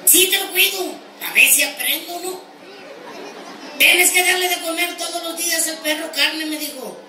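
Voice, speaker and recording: Very high squeaky voice, Mexican accent, naive boastful ranch hand, roomy live venue, distant mic, crowd noise. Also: male voice, normal speed, heavily acted. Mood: cheeky. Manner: high squeaky voice, bawdy punchlines, shouted outbursts. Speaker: stand-up comedian in character. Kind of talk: live comic monologue.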